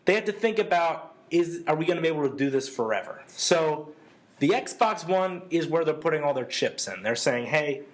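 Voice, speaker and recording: A man's voice: on the high side, lively intonation, normal speed. Sarcastic man holding forth on consoles. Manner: sarcastic, lecturing at length. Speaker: podcast co-host. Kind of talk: casual chat.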